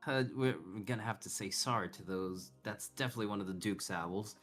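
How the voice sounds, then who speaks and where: A man working as game master, narrating an online tabletop game in a halting, casual, conversational way. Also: on the low side, a bit bright. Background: background music.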